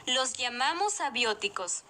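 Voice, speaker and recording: A woman's voice: sits high, expressive, a little slow, sharp tone, full character voice. A woman playing a knowledgeable guide who explains nature to a child in a scripted educational video. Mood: patient, explanatory. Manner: explanatory, clearly phrased.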